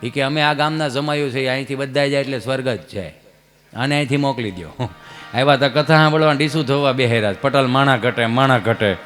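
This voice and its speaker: A stand-up comedian with a slightly fast, somewhat bright mid-range voice tells Gujarati folk comedy stories on a live stage at a religious gathering, with soft music in the background. He acts out the characters' dialogue, shifting his voice for each one.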